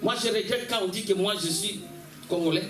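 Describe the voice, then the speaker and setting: High-pitched fervent preacher, echoey church. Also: male voice, fairly quick, a crowd in the background. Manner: fervent, calls out alleluia, quotes scripture. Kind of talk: sermon with live interpreter. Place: church hall. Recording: echoey church from a distant mic with congregation.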